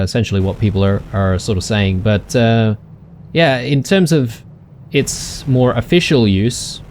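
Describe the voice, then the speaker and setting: Low-voiced guy wrapping up a let's play, chatty, lots of ums, faint hiss behind. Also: a little mellow. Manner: chatty, many ums and uhs, addresses viewers as guys. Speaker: gaming channel host. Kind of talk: casual let's play commentary.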